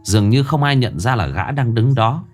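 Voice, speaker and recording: A man's voice: medium pitch, animated, moderate pace, faint music behind. A man narrating a first-person horror story in a dramatic, wry manner.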